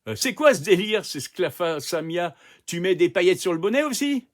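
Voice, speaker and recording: A man doing a loud, grumpy teenage girl. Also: sits high, very animated, moderate pace, voice pushed up. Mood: mocking. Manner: blunt, slangy, raised voice. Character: irritable hungry teenage girl rapper.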